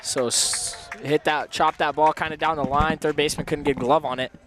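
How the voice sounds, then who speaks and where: A man's voice: on the high side, flat delivery, over music. Man calling baseball play-by-play. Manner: quick play calls, laughs easily. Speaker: play-by-play commentator. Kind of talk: live college baseball commentary.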